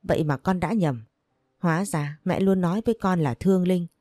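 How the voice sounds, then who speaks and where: A gentle grown son, as a woman narrator reads him pleads softly with his mother. His voice stays low and warm. The recording is dry and close. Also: brisk, dry recording, natural voice. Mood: pleading. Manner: soft, pleading.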